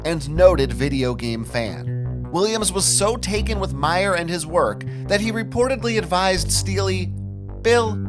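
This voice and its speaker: A man co-hosting a gaming podcast, chatty and playful, teasing his co-host as he goes. He reads a scripted intro, then shifts into loose, joking banter. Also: fairly high pitch. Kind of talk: scripted narration then casual chat.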